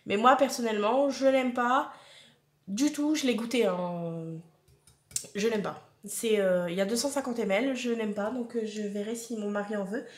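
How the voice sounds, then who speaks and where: Woman vlogger opening a food box, chatty and blunt, slightly high voice. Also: moderate pace, reverberant. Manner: chatty, frank and opinionated, addressing viewers directly. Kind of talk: casual unboxing chat.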